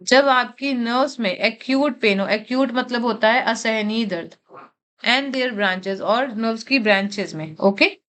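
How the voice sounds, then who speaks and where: Speaking Hindi mixed with many English terms, a woman with a somewhat high voice teaches word roots for exam preparation. Her steady, slow explanations repeat every key word twice, and she poses her own questions before answering them.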